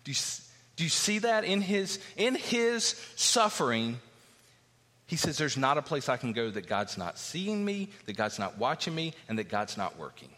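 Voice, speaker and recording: In a church hall, a pastor reads scripture aloud and then breaks it down, his pitch rising when he emphasizes a point. The voice is bright and forceful with a long reverb tail, sing-song in quality and moderately paced in this expository sermon.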